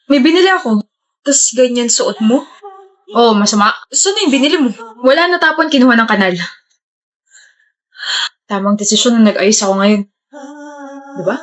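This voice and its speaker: A woman performing scripted comedy-skit dialogue in a playful, excitable way, with sudden shouts. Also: fairly high pitch, normal speed, long pauses.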